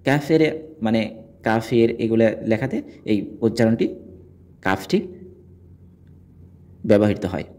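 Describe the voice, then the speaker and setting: Mellow-voiced man teaching pronunciation. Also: on the low side, animated, measured pace, pauses often. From Bangladesh. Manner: instructive, demonstrates sounds aloud. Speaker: Quran recitation teacher. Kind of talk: explaining letter pronunciation.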